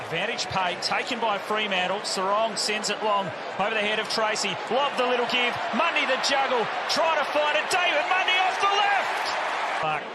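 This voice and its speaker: A man calling live football in excited, clipped running commentary. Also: extremely high pitch, normal speed. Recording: very loud stadium crowd noise. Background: roaring stadium crowd.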